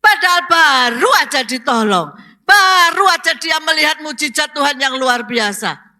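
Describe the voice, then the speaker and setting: A woman pastor preaches with a bright, ringing voice pitched a little high. She asks the congregation questions and rises to emphatic exclamations. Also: lively intonation, moderate pace. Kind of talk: sermon.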